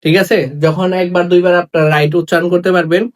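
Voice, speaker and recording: A man teaching a spoken English lesson, saying each letter slowly and repeating sounds several times. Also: high voice, flat delivery. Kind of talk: classroom lesson.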